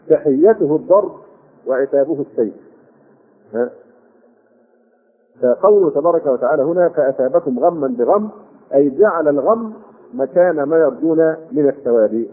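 An older man with an Egyptian Arabic accent giving a Quran commentary lesson, explaining with rhetorical questions and drawn-out fillers. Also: medium pitch. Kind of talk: classroom tafsir lesson. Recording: phone-like husky lo-fi.

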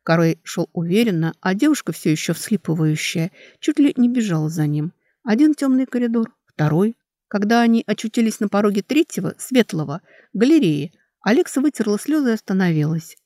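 A woman narrating an audiobook with even, dramatic storytelling on a close mic. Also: mid-range voice, brisk, no echo.

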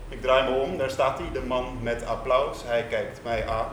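A man performing a first-person prose monologue on stage, intense and rhythmic with dramatic pauses. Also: medium pitch, background noise. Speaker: performer reading a literary monologue. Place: stage in a music venue. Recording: echoey live room from a distance.

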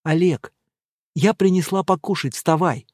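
A man's voice: high voice, a little slow, darkish tone, no room sound, studio quality. A man reading an audiobook, voicing a worried, emotional woman who pleads and exclaims. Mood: pleading. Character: worried middle-aged woman, fussing and emotional.

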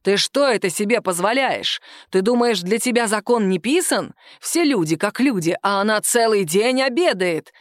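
A woman voicing an angry, bullying male office boss who growls and shouts slowly. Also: mid-range voice, lively intonation, dry recording, clean studio sound, lightly acted. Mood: furious.

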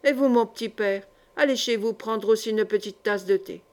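A woman's voice: mid-range voice, normal speed, close to an everyday voice. A woman reading the part of a frightened old peasant mother who coaxes her son and begs a visitor to leave. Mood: coaxing. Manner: beseeching, coaxing.

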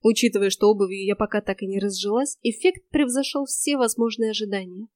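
A woman narrating a first-person fantasy audiobook in a lively, wry storytelling manner. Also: mid-range voice, a little fast, no echo.

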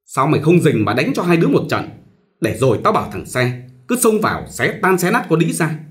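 A man putting on a sharp-tongued old matriarch, raised in pitch and swinging wildly up and down as she barks harsh commands. She sounds bossy and bitter, a storybook tyrant of a mother-in-law. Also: wildly swooping pitch, brisk. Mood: scornful. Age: older.

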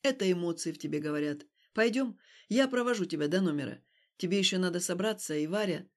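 A woman reading an audiobook, voicing a cold, manipulative young man who speaks flatly and breaks into shouting. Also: on the low side, fast, voice pushed down, natural voice. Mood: cold, detached. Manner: flat and detached, then shouting.

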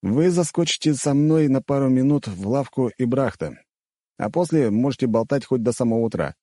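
A man's voice: medium pitch, expressive, moderate pace, mellow, no echo, clean studio sound, pitched above the performer's own voice, lightly acted. Man playing a smug, wry young mage.

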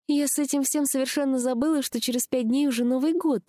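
A woman's voice: sits high, lively intonation, normal speed, warm tone, dry recording, studio quality, pitched above the performer's own voice. A woman reading an audiobook, voicing a tired, anxious young woman in a raised voice. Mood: weary.

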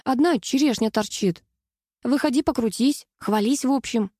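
A woman reading aloud, voicing a blunt, sarcastic teenage girl with a mocking, higher voice. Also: moderate pace, dark tone, breathy edge, dry recording, studio quality. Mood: indignant. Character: sharp-tongued sarcastic teenage girl Ksenia.

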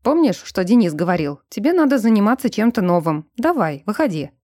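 A woman voicing a calm, confident young man who speaks like a patient instructor. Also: medium pitch, fairly quick, dry recording, studio quality.

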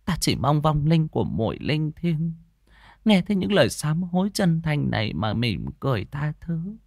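A remorseful noblewoman praying softly, her voice raised in pitch and kept hushed, as a male narrator puts her on. Her words come slow and pleading. The sound is dry and close. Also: very animated, gravelly, no room sound, exaggerated voice.

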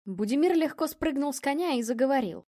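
Expressive woman narrating an audiobook. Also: high voice, fairly quick, dry recording, clean studio sound. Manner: expressive storytelling, voicing characters.

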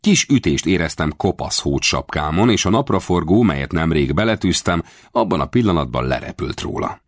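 Low deep guy reading an adventure audiobook, wry and dry, lots of lilt, dead dry studio. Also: big pitch swings, no room sound. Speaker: audiobook narrator. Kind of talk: scripted first-person narration.

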